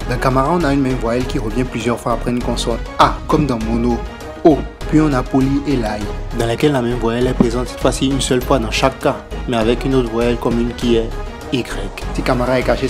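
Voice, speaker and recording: A young man performs a scripted comedy monologue in a mid-range voice, talking to himself and swinging between reasoning through puzzles and panic. Background music plays underneath. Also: mid-range voice. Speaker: comedian acting in his own sketch.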